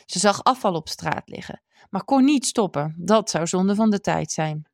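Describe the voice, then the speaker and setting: A woman reading a children's storybook aloud in an expressive, measured way. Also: on the low side, gravelly, dry recording, studio quality.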